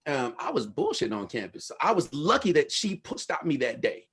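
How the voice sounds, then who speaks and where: Husky man telling candid stories. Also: fairly high pitch, very animated, brisk, a bit bright. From Los Angeles. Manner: candid, slangy storytelling with swearing. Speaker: guest speaker and researcher. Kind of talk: casual talk with audience Q&A.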